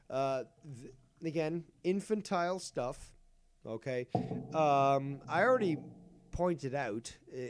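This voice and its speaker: A man's voice: fairly high pitch, background noise. A man hosting a livestream, announcing in a theatrical way and swearing crudely. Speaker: stream host. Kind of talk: livestream drama talk.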